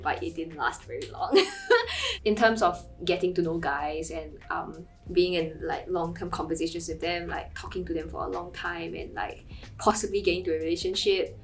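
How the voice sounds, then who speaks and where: A woman's voice: fairly low pitch, far from the mic. A woman in her twenties speaking frankly in an interview, with laughing asides. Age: 20s. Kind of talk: casual interview answers.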